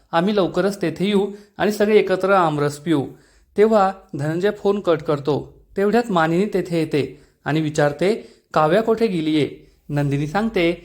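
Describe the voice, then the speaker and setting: High-voiced man narrating an episode recap. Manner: retells every character's lines in one steady narrating voice. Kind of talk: scripted voice-over recap.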